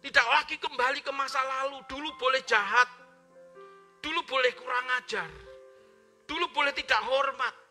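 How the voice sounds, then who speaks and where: A male pastor preaching from the pulpit in a very high, piercingly bright voice. He talks loudly and forcefully, calling on the congregation to repeat his words. The live-streamed service has faint music in the background. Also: normal speed, long pauses. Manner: loud forceful preaching with call-and-response prompts. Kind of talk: sermon. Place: church.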